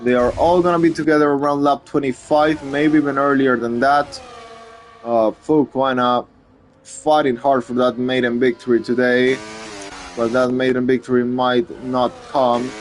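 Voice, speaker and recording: A man's voice: medium pitch, flat delivery, moderate pace, a little hiss or hum. A man commentating live on a motor race as a motorsport commentator. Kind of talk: live sim racing commentary.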